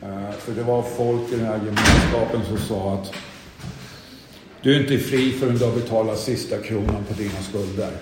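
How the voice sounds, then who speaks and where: A man's voice: fairly low pitch, fairly even intonation, background noise. A middle-aged man tells his own recovery story in a candid, self-deprecating way. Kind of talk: personal testimony talk. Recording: echoey hall with audience.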